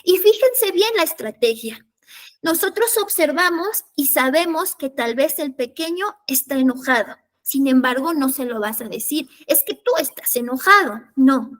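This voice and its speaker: High-voiced woman leading a parenting workshop. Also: lively intonation, normal speed. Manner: explanatory, checks in with listeners through tag questions. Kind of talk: workshop lecture.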